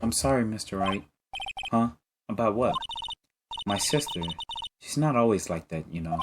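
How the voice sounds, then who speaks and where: A man's voice: on the low side, expressive, normal speed, very noisy, natural voice. A man voicing an earnest, emotional teenage girl in a game reading, with a pleading, tearful manner.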